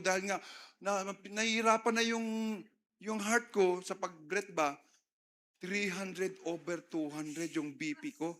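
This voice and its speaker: A man's voice: sits high, pushed and bright. A middle-aged man with a Filipino accent, preaching a sermon and mixing Tagalog and English, with call-and-response asides to the congregation. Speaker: pastor.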